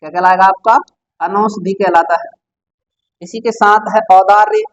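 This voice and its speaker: Guy with a high voice running an exam prep word lesson, keeps asking and answering himself, sound kinda dull and muffled. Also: steady tone, normal speed. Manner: quizzing the listener with repeated questions. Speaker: teacher.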